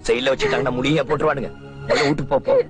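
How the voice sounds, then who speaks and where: An actor playing a proud, quick-tempered village landlord, defiant toward police and gruff with his wife. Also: mid-range voice, steady tone, music in the background, natural voice. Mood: scolding. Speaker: village landowner held at the police station.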